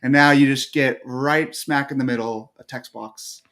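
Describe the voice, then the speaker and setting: A man co-hosting a casual livestream chat, walking through a product in a relaxed way with many fillers. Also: mid-range voice, moderate pace. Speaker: co-host.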